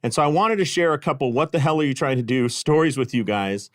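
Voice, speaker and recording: A middle-aged man hosts his podcast and tells stories in a casual, self-deprecating way, full of fillers and restarts. His voice sits at an ordinary pitch and comes across close and dry on the microphone. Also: fast, no echo. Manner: animated, self-deprecating storyteller with frequent fillers. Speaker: podcast host and clinic consultant. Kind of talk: casual storytelling monologue.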